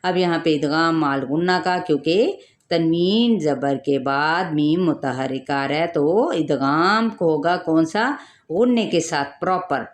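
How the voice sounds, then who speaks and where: Woman tajweed teacher, lowish voice, unhurried step-by-step explanations. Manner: explains rules step by step, stretches recited words slowly. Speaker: Quran recitation teacher. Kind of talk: tajweed lesson, explaining then reciting.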